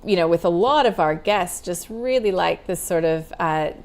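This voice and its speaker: A woman co-hosting a live market wrap, chatty and conversational with quick asides. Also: lowish voice, expressive. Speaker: co-host of a markets show.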